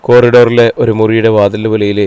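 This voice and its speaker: A man reading a novel aloud as an audiobook narrator, in a steady storytelling read on a close mic. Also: lowish voice, fairly quick, clear, resonant tone, no echo. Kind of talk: scripted narration.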